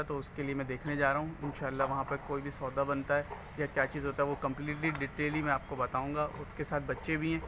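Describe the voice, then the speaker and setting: A man's voice: on the high side, noisy background. A man, hosting a casual farming vlog as he walks through an open cattle shed and points things out to his viewers. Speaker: farming channel host. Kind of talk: casual walking tour vlog. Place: outdoors on a road, then inside an open-sided cattle shed.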